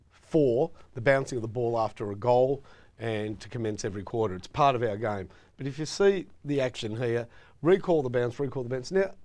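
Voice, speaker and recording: A man's voice: mid-range voice, darkish tone. A middle-aged Australian man co-hosting a casual football chat show, opinionated and emphatic as he tells stories. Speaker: co-host.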